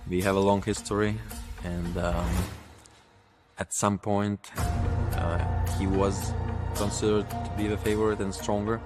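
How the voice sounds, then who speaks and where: A man talks in a low, even voice, calm and self-assured. His pitch barely moves. Loud music runs underneath his words. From Lithuania. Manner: measured and confident, with frequent ums. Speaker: arm wrestler. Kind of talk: pre-match interview.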